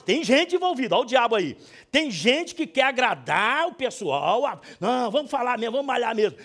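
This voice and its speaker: High, animated Brazilian pastor preaching. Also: male voice. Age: middle-aged. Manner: swings from hushed pleading to loud scolding; emphatic, preacherly. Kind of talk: sermon.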